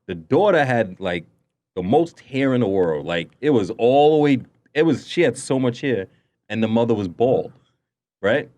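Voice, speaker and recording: A man's voice: medium pitch, expressive, moderate pace, a little mellow. A young man co-hosting a casual podcast chat, telling stories with lots of restarts and laughter. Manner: rambling storyteller, stammers and restarts, laughs often. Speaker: podcast co-host.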